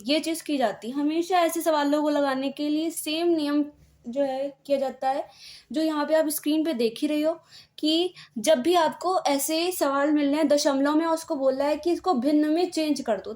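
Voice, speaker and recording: A woman's voice: sits high, moderate pace, darkish tone. A woman teacher explaining decimal numbers step by step in an exam-prep video lesson, with frequent checks and small fillers. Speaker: maths teacher.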